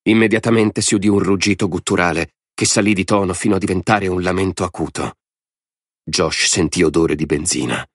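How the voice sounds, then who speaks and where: A man narrating an audiobook in a dramatic, expressive storytelling style. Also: deep voice, brisk, no echo, clean studio sound.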